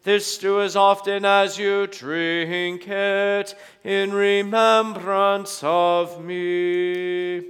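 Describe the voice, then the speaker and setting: A priest slowly intoning the liturgy of a church service in a long cathedral echo. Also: male voice, sits high, smooth, faint music behind. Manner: slow, even, intoning. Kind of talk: chanted liturgy.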